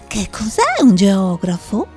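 A woman's voice: medium pitch, wildly swooping pitch, takes it slowly, a little mellow, soft background music. A woman voicing a curious, earnest young boy prince in an audiobook drama, full of wondering questions.

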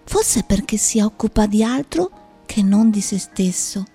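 A woman's voice: mid-range voice, expressive, measured pace, mellow, husky, soft background music. A woman voicing a curious, earnest young boy prince in an audiobook drama, full of wondering questions.

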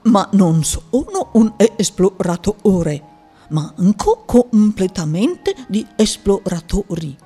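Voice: medium pitch, sing-song, warm tone, breathy edge, faint music behind, heavily acted. A pompous old geographer. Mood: lecturing. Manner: slow, lecturing, self-important. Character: pompous old male geographer, self-important.

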